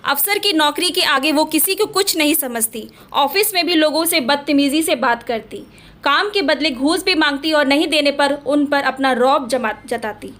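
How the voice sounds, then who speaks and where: A woman storyteller narrating a scripted family story in a steady, dramatic way. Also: sits high.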